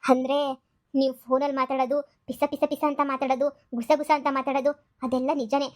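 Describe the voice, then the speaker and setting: A woman's voice: sits high, little pitch movement, quick pace, lightly acted. A woman voicing a jealous, nagging young wife who accuses and needles in a cartoon comedy. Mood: accusing. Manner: accusing, needling, repeats herself.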